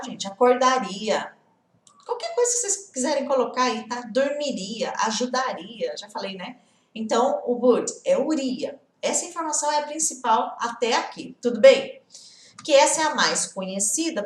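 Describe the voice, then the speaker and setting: Greeting viewers by name and often checking in on them, a woman whose first language is Portuguese runs a lively English lesson over a live stream. She speaks on the high side in an echoey room.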